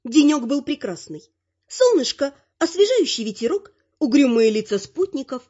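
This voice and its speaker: A woman narrating a fantasy audiobook with even, expressive storytelling. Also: high voice, moderate pace, highs cut off.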